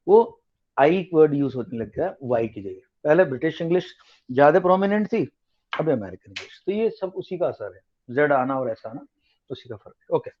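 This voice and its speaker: A man with a slightly raised voice tutors students over an online class, switching between Hindi and English as he explains. He asks the class questions as he goes. The sound is muffled and lo-fi. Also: on the high side.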